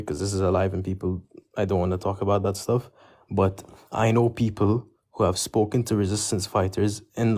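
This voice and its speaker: A man from South Lebanon calling into a live stream, speaking in an earnest, measured way. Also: on the low side, a little mellow.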